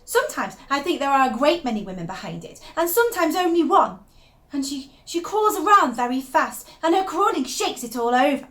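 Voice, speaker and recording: In a high-pitched voice, a woman plays a young wife coming apart in a dramatic first-person monologue, speaking in a slightly fast, sing-song way. She's intense and confiding, swinging from hushed secrecy to emphatic, obsessive fascination, like someone telling a diary what no one else may know. She sounds agitated and marvelling.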